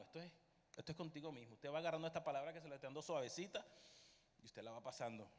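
A man preaching a sermon with passion, bursting into loud outbursts and dropping to quiet asides. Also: a little high, in a large hall.

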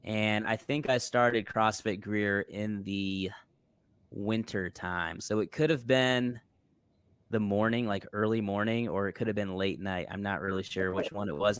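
A man with a lowish voice hosts a relaxed interview chat, telling stories and laughing easily. The sound is close and dry, with no room around it. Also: normal speed, clear, resonant tone, dry recording. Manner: relaxed, storytelling, laughs often. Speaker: podcast host.

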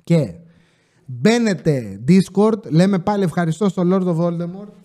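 A man with a high-pitched voice hosts a casual podcast. He tells a comic everyday story in a chatty, joking monologue and keeps throwing in asides to his listeners. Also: animated, mellow. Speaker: podcast host.

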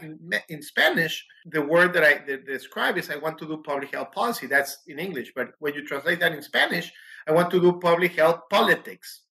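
A man's voice: sits high, bright, forceful tone, rough recording. A man from Mexico, a pediatrician answering interview questions animatedly with frequent restarts.

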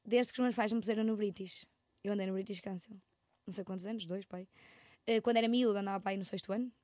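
A woman's voice: mid-range voice, fairly even intonation, fast talker, a little mellow, dry recording, clean studio sound. A young woman with a European Portuguese accent, co-hosting a casual chat podcast and telling stories in a rambling way with frequent laughs. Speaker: podcast co-host.

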